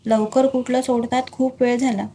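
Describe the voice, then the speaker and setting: A woman's voice: a little high, level tone, normal speed, dark tone, a little hiss or hum, lightly acted. A woman voicing a playful young boy prince in a spoken storybook, in a lightly raised voice. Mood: teasing.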